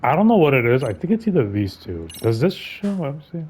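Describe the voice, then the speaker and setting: A young man casually commenting over a game, chatty and quick to giggle. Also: medium pitch, very animated, a little mellow, a little hiss or hum. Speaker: gameplay commentator. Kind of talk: casual let's-play commentary.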